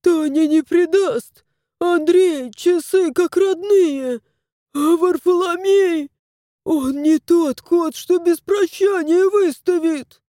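A woman's voice: sits high, lively intonation, takes it slowly, mellow, dry recording, studio quality. Woman doing a fretful old house spirit. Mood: indignant. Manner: folksy, exclaiming, old-fashioned speech. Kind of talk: audiobook character voice.

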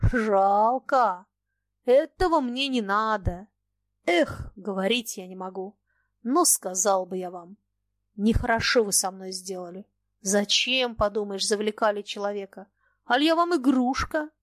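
A woman's voice: fairly high pitch, animated, moderate pace, dry recording, close to an everyday voice. A woman doing a blunt, agitated young merchant. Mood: indignant. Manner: reproachful, plain-spoken. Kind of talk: audiobook dialogue.

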